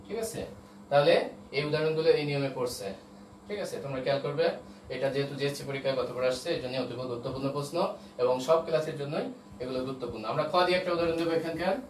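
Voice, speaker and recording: A man's voice: medium pitch, rapid-fire. A man teaching an online class, explaining step by step and often checking that his students follow. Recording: roomy echo, voice from a distance, faint noise.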